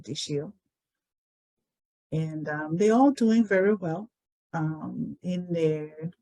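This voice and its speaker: Slow-spoken older woman, low voice. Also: mellow, poor audio. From Liberia. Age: 60s. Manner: unhurried, thoughtful, many pauses and "um"s. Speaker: interviewee telling her life story. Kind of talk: reflective personal storytelling.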